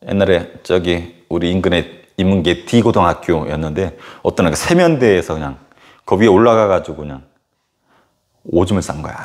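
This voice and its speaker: Animated male teacher telling a story. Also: low voice. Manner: animated storytelling full of fillers. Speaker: history teacher. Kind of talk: casual anecdote during a lecture.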